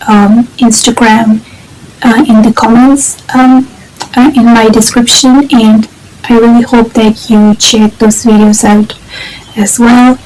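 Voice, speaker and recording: A young woman who isn't a native English speaker talks casually to camera in a personal vlog, rambling and hesitant with lots of fillers. Her voice is on the high side with a darkish tone, and the rough recording has slight background noise.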